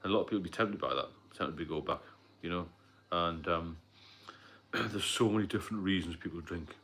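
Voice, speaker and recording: British man, very low voice, middle-aged, rambling live stream chat, coughs and fillers. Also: fairly quick, fairly bright tone. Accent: British English. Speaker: livestream host, sobriety mentor. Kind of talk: casual live stream talk.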